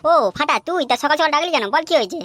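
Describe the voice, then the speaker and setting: Woman doing a gruff cursing cartoon dad. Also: sits high, very fast, fairly bright tone, no room sound, studio quality, pitched above the performer's own voice. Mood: grumpy. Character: grumpy, crude, lazy cartoon father.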